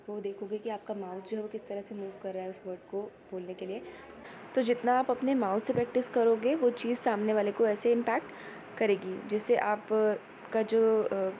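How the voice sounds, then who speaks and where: Female lecturer, mellow voice, faint hiss behind, slow drawn-out headings, lots of fillers. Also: medium pitch, rough recording. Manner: explains in Hindi, reads English headings out slowly; repetitive, with many fillers. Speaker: teacher. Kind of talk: exam-prep lecture.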